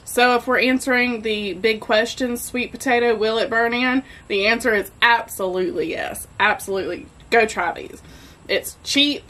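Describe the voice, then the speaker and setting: A woman's voice: fairly high pitch, moderate pace, sharp tone, low-quality recording. A woman hosting a casual cooking vlog from her home kitchen, chatty and enthusiastic. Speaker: barbecue cooking host.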